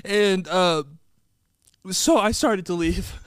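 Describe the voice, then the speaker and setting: A man's voice: high-pitched, takes it slowly, smooth, no echo, clean studio sound. A man on a podcast, choking up and teary, breaking into helpless laughter, coughs and whispers as he tries to tell a story. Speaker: podcast co-host. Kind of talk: casual chat. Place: indoor studio with mics. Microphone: close mic.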